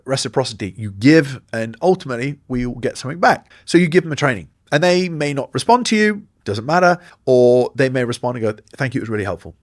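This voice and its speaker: Male business coach, mid-range voice, direct and energetic, dry close-mic read. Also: mid-range voice, dry recording. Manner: direct, energetic, role-plays DM messages in quick asides. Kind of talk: instructional talk to camera.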